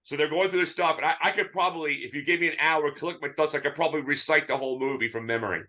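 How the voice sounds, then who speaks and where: A man co-hosting a casual movie chat, telling animated stories and ranting. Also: a little high, very fast. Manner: animated storyteller, ranting, does voices. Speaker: podcast co-host.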